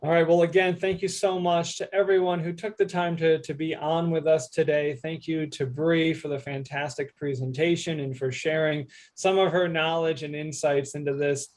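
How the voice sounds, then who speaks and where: A man moderating a webinar on a video call, courteous and brisk. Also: a little high, steady tone, darkish tone.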